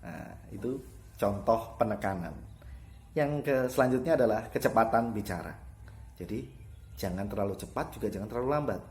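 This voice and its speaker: A man with a fairly low, darkish voice teaches students online at a moderate pace. He explains step by step, repeats key terms, and changes his tone to demonstrate a point.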